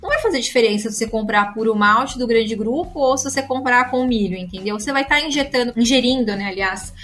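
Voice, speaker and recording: Speaking fast in a slightly high, expressive and somewhat bright voice, the woman is a sommelier guest with a Brazilian Portuguese accent. Her lengthy, casual explanations are peppered with fillers and restarts.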